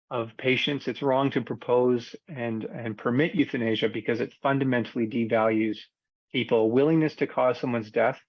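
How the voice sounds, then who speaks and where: A man delivering a formal prepared argument in a measured, earnest and articulate way. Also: medium pitch, dry recording, highs cut off. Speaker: panel speaker, doctor.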